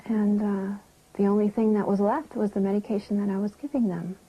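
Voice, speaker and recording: A middle-aged woman interviewed as a mother, speaking slowly and haltingly, with a breathy voice that often drops to a whisper. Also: mid-range voice, fairly even intonation, slight background noise. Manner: slow, halting, emotional. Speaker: mother interviewed about her children. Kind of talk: documentary interview. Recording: dull lo-fi recording.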